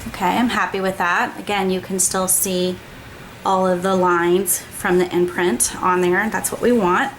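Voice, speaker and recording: A woman leads viewers through a craft project on her show, casual and chatty, checking in often with a quick "okay?". Her voice runs on the low side with a level tone, and a little hiss or hum is audible.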